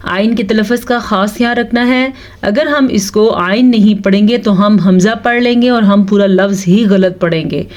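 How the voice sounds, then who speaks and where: A woman teaching Quran recitation step by step. She spells out letters and vowel marks syllable by syllable, and she chants the verses slowly. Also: medium pitch, a little mellow. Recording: dull lo-fi recording.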